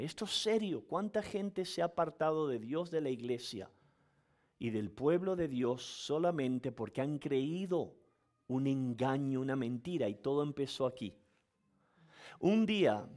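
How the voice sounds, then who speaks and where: A man preaching as pastor, telling a story with acted-out voices and laughter, in an animated storytelling manner. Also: medium pitch. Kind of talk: sermon.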